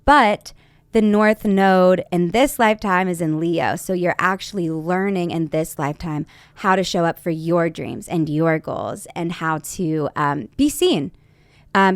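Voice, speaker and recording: A woman with a lowish, smooth voice hosts an astrology podcast, chatting in a casual interview style. She's bubbly and upbeat, filling her speech with "like," and the recording has no room sound.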